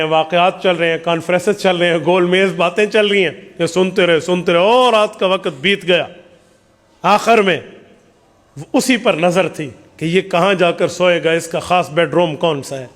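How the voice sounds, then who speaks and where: Male preacher, animated storytelling sermon, pretty high voice, big reverb hall.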